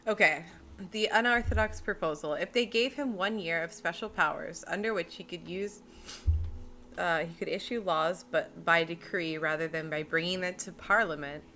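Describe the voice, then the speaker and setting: Low-voiced woman reading a book aloud. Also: bright, forceful tone, a little hiss or hum. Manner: reads steadily, breaks off into joking self-deprecating asides. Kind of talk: reading aloud with casual chat asides. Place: home streaming setup.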